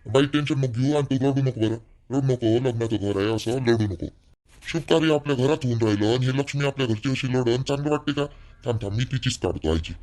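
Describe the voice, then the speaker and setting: A man voicing an older village father-in-law, who scolds loudly and then soothes. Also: mid-range voice, quick pace, lightly acted. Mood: soothing, firm.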